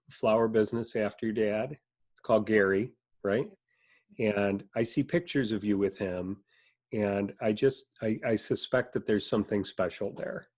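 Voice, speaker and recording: A man's voice: on the low side, a little mellow. A man hosting a podcast interview, asking friendly, leading questions. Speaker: podcast host. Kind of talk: casual interview.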